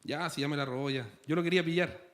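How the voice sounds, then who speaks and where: High-voiced Chilean pastor preaching. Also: male voice, fast, fairly bright tone. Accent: Chilean Spanish. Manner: conversational preaching with playful asides and rhetorical "¿cierto?". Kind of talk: sermon. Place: church.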